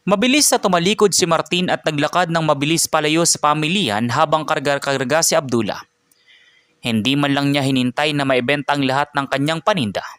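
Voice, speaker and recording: A man's voice: a little high, fairly bright tone, no echo, studio quality. A man narrating a dramatic scripted story as the show's storyteller.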